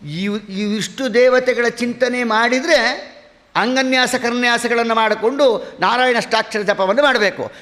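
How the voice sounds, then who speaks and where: A man with a Kannada accent giving a devotional sermon, chanting Sanskrit verses slowly between his explanations. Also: very high-pitched, a bit bright, long reverb tail. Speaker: religious discourse speaker.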